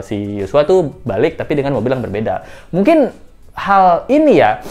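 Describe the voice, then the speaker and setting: Low-voiced chatty woman commentator. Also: a little mellow. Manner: chatty, speculative, acts out quotes, laughs at own jokes. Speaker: host of a commentary channel. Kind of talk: casual news commentary.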